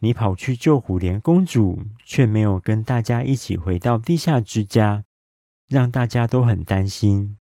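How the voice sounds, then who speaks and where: A man's voice: on the low side, measured pace, mellow, no echo, studio quality. Pinocchio, a man voicing a caring puppet boy. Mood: heartfelt. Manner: relieved and heartfelt. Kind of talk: bedtime story reading.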